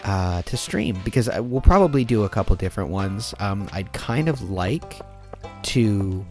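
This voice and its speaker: A man's voice: lowish voice, expressive, normal speed. A man commenting over gameplay in a rambling, casual way, full of fillers and restarts, sounding sleepy. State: sleepy, yawning. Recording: clear background music. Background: background game music.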